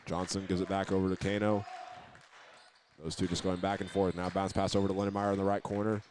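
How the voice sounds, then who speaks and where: Here an American play-by-play man keeps a level tone and a quick pace while covering a live basketball game on radio from a high school gym. His voice sounds a bit mellow, and a little hiss or hum accompanies the clear gym ambience and ball bounces.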